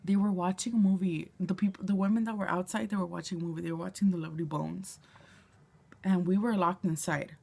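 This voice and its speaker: Woman, casual storytime, breathy, often whispers, swears a lot, mid pitch. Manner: often drops to a hushed whisper; swears freely. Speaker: vlogger.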